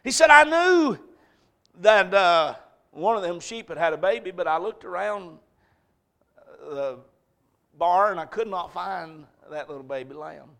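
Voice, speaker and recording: A man's voice: high voice, moderate pace, creaky. Preacher man. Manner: storytelling with sudden loud shouted peaks. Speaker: pastor. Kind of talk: sermon.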